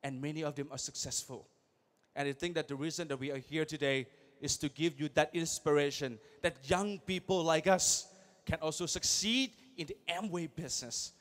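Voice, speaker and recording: Young guy hyping up a convention crowd, pretty high voice, keeps asking the audience stuff. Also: normal speed. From Thailand. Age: young adult. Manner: energetic, keeps firing questions at the crowd. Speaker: convention speaker. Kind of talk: motivational stage speech. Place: large convention hall.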